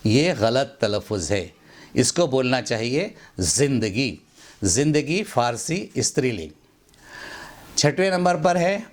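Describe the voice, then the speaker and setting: A man teaching pronunciation in a slow, instructional way, carefully enunciating and repeating words to contrast wrong and right forms, with a Hindi-Urdu accent. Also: fairly high pitch. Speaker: language teacher. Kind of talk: slow, deliberate instructional explanation.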